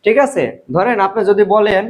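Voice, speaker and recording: High-voiced man teaching a slow lesson. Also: steady tone, low-quality recording. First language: Bengali. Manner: slow, repeats each word and spells sounds out. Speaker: language teacher. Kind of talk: spoken language lesson.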